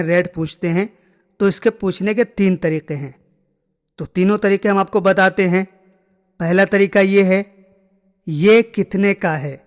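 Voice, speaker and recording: A man giving a spoken language lesson, repeating short phrases slowly so learners can follow along. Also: sits high, long reverb tail. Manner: slow, repeated phrases for drilling. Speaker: language teacher.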